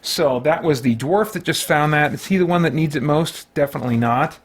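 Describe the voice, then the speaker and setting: Hosting a solo tabletop game, a man thinks aloud in rambling, casual play-through commentary. His voice is brisk and fairly high-pitched.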